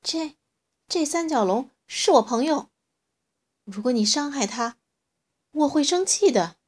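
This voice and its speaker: A woman's voice: sits high, animated, a little slow, pitched above the performer's own voice. A woman doing a stammering young dinosaur hero. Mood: stammering shout. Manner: shouting, stammering. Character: young male plant-eating tyrannosaurus, timid but brave.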